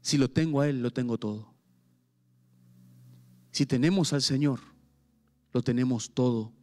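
At a church service, a Paraguayan-accented man preaches an impassioned sermon, going back and forth between quiet pleas and heightened intensity. He speaks at medium pitch and a little slowly.

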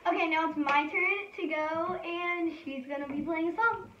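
Bright, high teasing girl host. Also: normal speed, a little hiss or hum. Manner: playful, teasing, keeps score. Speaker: vlog host. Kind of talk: casual game vlog. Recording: roomy, distant, dull home audio.

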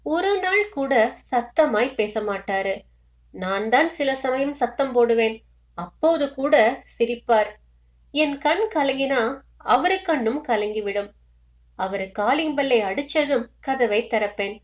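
A woman's voice: a little high, lively intonation, takes it slowly. A woman voicing a heartbroken widow in her late twenties who laments her husband's death. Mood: lamenting. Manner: lamenting, broken.

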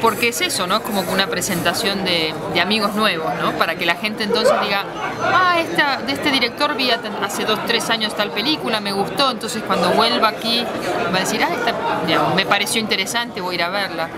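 Woman talking over a loud crowd. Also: mid-range voice, fairly quick. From Argentina. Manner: thoughtful, with many restarts and repeated words. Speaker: film festival programmer. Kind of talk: interview answers. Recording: loud crowd noise behind.

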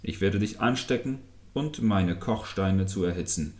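A grumpy fisherman loses his temper and threatens his own fishing hook in a storybook tale, as a man puts him on. The voice is very deep and low, and it sounds scolding and threatening. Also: a little slow, a little mellow. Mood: angry. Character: grumpy, hot-tempered adult male fisherman.

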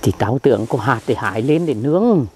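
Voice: medium pitch, expressive, a little fast, darkish tone, slightly rough. A performer playing a boastful, dim-witted old village man, who answers back in a blustering, defensive way. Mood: boasting.

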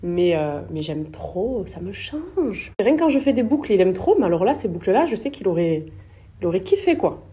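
A young woman chatting casually to her followers in an expressive, slangy way, recorded on a handheld phone. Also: a little fast, highs cut off. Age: young adult. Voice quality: rough, croaky morning voice. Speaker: influencer vlogging her trip. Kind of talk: casual vlog chat to followers. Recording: noisy phone recording with ambient rumble.

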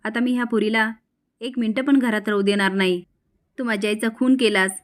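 A woman's voice: on the high side, fairly even intonation, fairly quick, natural voice. A woman voicing an angry middle-aged woman who shrilly accuses her family. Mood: angry accusing.

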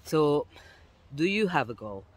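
A man's voice: a little high, very animated, unhurried. A young man talking casually to his phone camera outdoors on a woodland path, chatty and explaining things step by step, often restarting his sentences. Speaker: vlogger. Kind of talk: casual vlog talk to camera. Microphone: phone camera at arm's length.

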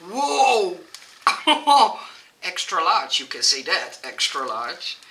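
A Dutch-accented woman gushes her way through an unboxing in an unhurried, drawn-out way, stumbling and starting over as she goes. She sits back from the mic, and a loud sizzling, frying sound runs behind her. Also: deep voice, recorded from a distance, a little hiss or hum, rough recording. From Netherlands. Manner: excitable and gushing, with frequent restarts and giggles. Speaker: crafting vlogger. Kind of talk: casual unboxing chat.

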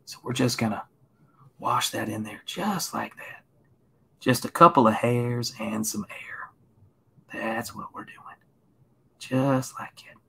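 Soft-spoken husky man painting live. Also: medium pitch, takes it slowly, long pauses. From Tennessee, USA. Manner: soft, gentle encouraging patter, often sliding into a hushed whisper. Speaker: artist streaming live. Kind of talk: soothing painting-show patter, live stream.

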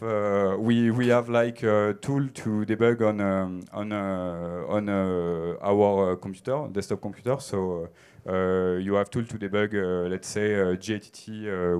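A man in his thirties with a French accent answers conference questions on a theater stage through a handheld mic, sounding hesitant and using many fillers. His voice is on the low side, a little mellow, with a clean tone.

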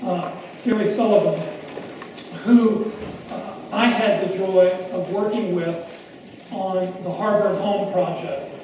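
A man introducing the guest speaker at a lecture event, measured with a few "uh"s. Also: sits high, darkish tone. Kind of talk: formal introduction. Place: lecture hall. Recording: dull echoey hall recording, distant, noisy.

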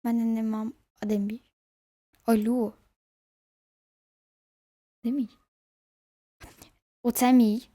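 A woman narrates her game out loud, talking straight to her viewers and sometimes slipping into a whisper. Her voice sits a little high but has a mellow, soft tone. The recording is dry and close, with no room sound. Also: level tone, slow pace, long pauses, dry recording. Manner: chatty, talks to viewers while playing, drops into whispers. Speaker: gaming video host. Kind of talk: casual gameplay commentary.

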